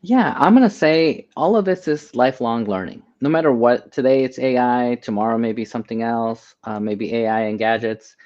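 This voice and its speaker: Here the guest is a U.S. doctor who specializes in healthcare AI, talking at a moderate pace with hardly any pauses in a mid-range, darkish voice. The recording is dull and lo-fi; his manner is earnest and conversational, mixing advice with stories from his own life.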